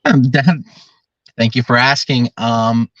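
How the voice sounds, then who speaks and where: A man's voice: mid-range voice, slow pace, a bit bright, no room sound. Earnest young man, dull dry sound. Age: 20s. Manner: earnest, talkative, explains at length. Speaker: drum corps director. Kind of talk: podcast interview.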